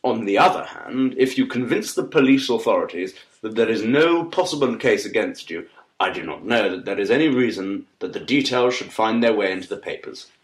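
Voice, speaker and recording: An actor as Sherlock Holmes, low-voiced and assured. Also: male voice, lively intonation, a little fast, lightly acted. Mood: calm, advising. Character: calm, commanding gentleman detective. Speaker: actor in an audiobook. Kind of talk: dramatised audiobook reading.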